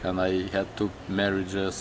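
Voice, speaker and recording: A man with a Lithuanian accent speaks in a fairly low voice, slowly and haltingly in English, often restarting his phrases. Clear background noise sits under his voice throughout. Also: completely flat delivery. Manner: slow, halting, with many restarts. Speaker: interviewee. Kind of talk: personal interview.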